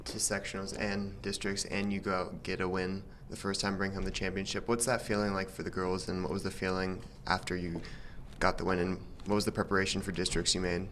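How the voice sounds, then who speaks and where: A man asking measured, multi-part questions as a reporter at a press conference. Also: deep voice, little pitch movement, fairly bright tone, slight background noise.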